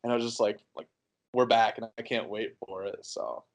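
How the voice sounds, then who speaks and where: This interview guest is a US man in his early twenties with a lowish, creaky voice at a normal speed. He rambles through his answers casually, often using fillers and starting over.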